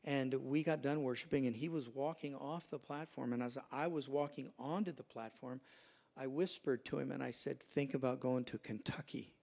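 A male pastor preaches to his congregation in a church, telling stories and acting out the people in them. His voice is gravelly and sits at an ordinary pitch, neither high nor low. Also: moderate pace, darkish tone. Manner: storytelling, acts out quoted voices. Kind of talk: sermon. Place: church sanctuary.

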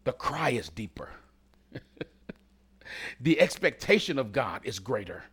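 A man preaching a sermon, talking directly to the congregation and swinging between loud calls and hushed whispers. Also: medium pitch, sing-song, unhurried, slightly rough.

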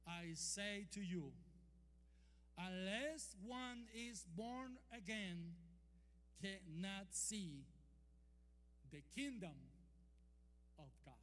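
In a church hall full of long reverb and a faint hum, a man with a Costa Rican Spanish accent preaches in an expressive voice that sits high and sounds a bit bright. He asks the congregation for amens, uses call and response, and stretches out scripture quotes for emphasis.

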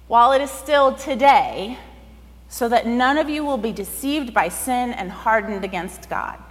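Woman pastor giving a sermon, chatty, lots of "like", high voice, long echo like a church hall. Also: a bit bright. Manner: conversational, uses "like" often.

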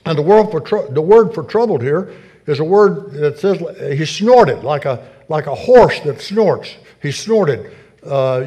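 An older man preaching a sermon with earnest emphasis, often repeating words and phrases. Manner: rises to emphatic peaks, then drops soft and low. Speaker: pastor.

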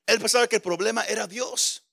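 Man, pastor, impassioned sermon, bright gravelly voice. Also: sits high, fairly quick. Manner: impassioned preaching with frequent stammered repeats.

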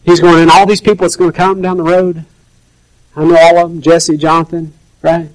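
Conversational preacher, fairly high male voice. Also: flat delivery, brisk, rough recording. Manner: conversational, acts out quoted voices. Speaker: pastor. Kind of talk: sermon.

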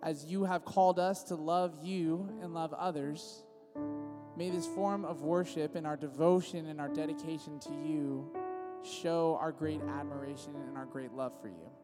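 A young Californian worship leader introduces a church service and leads a spoken prayer in a casual, friendly way, loose and full of restarts. His fairly high voice is steady and moderately paced over music, with the long reverb of a large church sanctuary.

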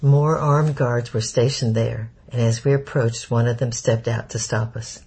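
A man reading a first-person story aloud in a steady, measured narration. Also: medium pitch, slightly rough. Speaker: audiobook narrator.

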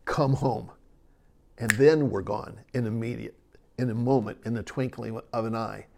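A man teaching a sermon on a Bible passage, earnest and explanatory, slowing down to stress key words. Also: fairly low pitch, fairly even intonation, vocal fry, slight background noise.

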